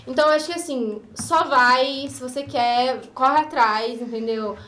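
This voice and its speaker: A woman's voice: high voice, moderate pace, sharp tone. A young woman, chatting casually and encouragingly as a podcast guest. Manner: chatty, encouraging, uses filler words. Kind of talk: casual chat. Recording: roomy studio echo with faint noise.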